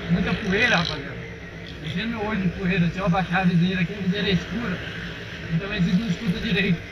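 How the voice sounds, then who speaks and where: Riding his motorcycle down a dirt road, a young Brazilian man talks casually to his viewers at a racing pace, addressing them as "rapaziada". He's a motovlogger with a fairly high voice and a Brazilian Portuguese accent, captured on a muffled helmet-mounted action camera under loud, steady engine and wind noise.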